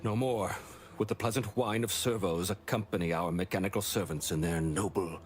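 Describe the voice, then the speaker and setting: A grandiloquent, defeated commander from a video game, played by a man. The voice is on the low side, with formal, florid phrasing and theatrical self-blame. Faint background noise sits behind the lines. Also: fairly even intonation, a little fast, lightly acted. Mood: grandiose despair. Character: pompous, defeated male commander mourning his doomed island. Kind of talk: scripted video game dialogue.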